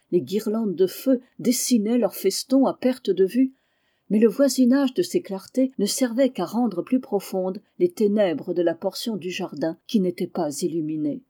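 A woman reading a novel aloud in measured, expressive narration. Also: mid-range voice, breathy edge. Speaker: audiobook reader.

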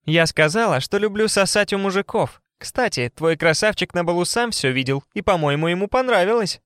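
A man's voice: high-pitched, expressive, a little fast, a bit bright, dry recording, studio quality, voice pushed up. Man putting on a jeering vulgar neighbor woman. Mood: sly. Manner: jeering, vulgar, sing-song taunting. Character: coarse, mocking female neighbor turned witch-like.

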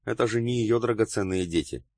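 A man's voice: lowish voice, brisk, a little mellow, dry recording, clean studio sound, voice pushed up. A man voicing a tall, wild old woman who shrieks and accuses in her grief, read as part of an audiobook. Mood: bitter. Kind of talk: audiobook character reading.

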